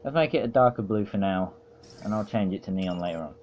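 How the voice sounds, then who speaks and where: This man hosts let's plays and speaks quickly in a fairly low, darkish voice, with a little noise behind him. Feeling overheated, he rambles through casual remarks on the racing game he's playing, mocking himself in a dry way.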